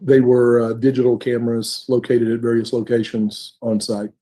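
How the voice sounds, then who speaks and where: A man's voice: mid-range voice, flat delivery, normal speed, dark tone. A man in his sixties answering questions as a sworn witness in short, formal replies, heard on a courtroom recording. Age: 60s. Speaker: trial witness.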